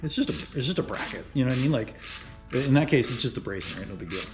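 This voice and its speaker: A man casually narrating his car fabrication work as he goes, thinking out loud and often checking in with "right?". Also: mid-range voice, lively intonation, quick pace, over music. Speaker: car restoration vlogger. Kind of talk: casual how-to narration while working.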